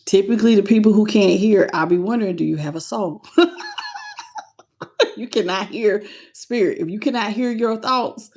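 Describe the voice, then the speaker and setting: A woman's voice: mid-range voice, normal speed, a little mellow. A woman reading tarot cards on a live stream, talking casually and bluntly, teasing and greeting her viewers by name. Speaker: tarot reader.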